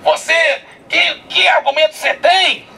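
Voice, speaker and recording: A man's voice: very high voice, steady tone, a little slow, vocal fry, sharp tone, distant mic, voice pushed up, full character voice. A man playing a mocking young student leader. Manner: taunting, boastful.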